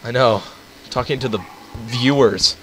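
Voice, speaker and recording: A man's voice: medium pitch, normal speed, a crowd in the background, rough recording. A young man chatting casually while playing a game with a friend, laughing and teasing a lot. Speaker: gamer. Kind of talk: casual gaming chat.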